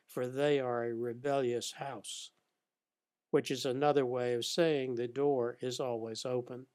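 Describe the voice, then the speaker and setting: A man narrates a Bible study lesson, reading each scripture passage in a measured, even way. His pacing is unhurried and deliberate, and his voice sits at an ordinary middle pitch.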